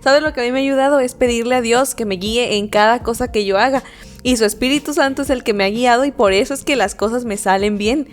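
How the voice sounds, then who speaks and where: A woman's voice: on the high side, fast, soft background music. A woman co-hosting a casual faith podcast, telling stories and acting out the dialogue. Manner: animated storyteller acting out quoted dialogue. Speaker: podcast co-host.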